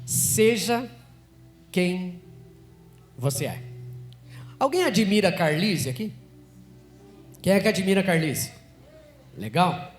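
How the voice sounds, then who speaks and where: High-voiced Brazilian man teaching public speaking. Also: takes it slowly, long pauses, soft background music. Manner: energetic, quizzes the audience with frequent questions. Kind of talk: live lecture to an audience. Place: event hall with a live audience.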